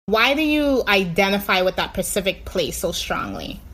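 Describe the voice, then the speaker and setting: A woman hosting a podcast, narrating and asking questions in a measured, attentive way. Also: mid-range voice, very animated, a bit bright. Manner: measured, attentive, frequent affirmations. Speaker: podcast host.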